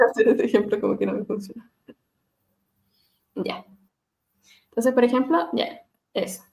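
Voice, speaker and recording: A woman speech therapist leading a webinar on voice care, gently demonstrating hums and glides over a video call and laughing at herself now and then. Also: on the high side, sing-song, measured pace, vocal fry, pauses often. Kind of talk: live webinar lesson on vocal exercises.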